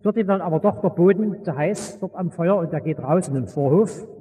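A man preaching a sermon, retelling a Bible story in a vivid, colloquial way and swinging between loud and hushed. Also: high voice, brisk. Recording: long reverb of a large hall.

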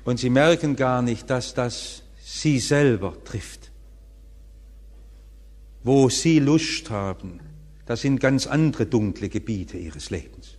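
A man preaching a sermon as pastor, emphatic, with wide swings between high raised phrases and low quiet ones. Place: church. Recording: church hall reverb.

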